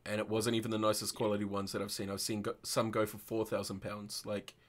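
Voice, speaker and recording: Low-voiced young New man chatting. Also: monotone, fast. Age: young adult. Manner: informal, sweary. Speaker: host. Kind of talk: casual livestream chat. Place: indoor room, livestream video call.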